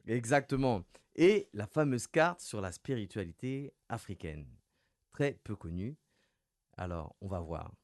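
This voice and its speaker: A man hosting a radio interview and running a quiz game, talking in a lively, playful way and stressing his clues. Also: on the low side, a little slow, dry recording. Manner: lively, playful, announces clues with rising emphasis. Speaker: radio host. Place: radio studio.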